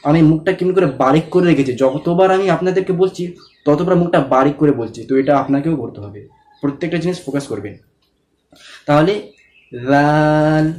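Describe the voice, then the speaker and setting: Patient male recitation teacher, slightly high. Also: a little mellow. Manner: patient, repeats letters with long drawn-out sounds; asks the viewer to follow along and checks understanding. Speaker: Quran reading teacher. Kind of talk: step-by-step recitation lesson.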